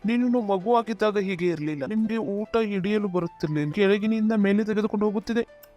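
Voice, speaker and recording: A man's voice: high-pitched, fairly quick, a little mellow, soft background music. A male pastor preaching a sermon, often calling out "Praise the Lord" and asking the congregation to repeat after him.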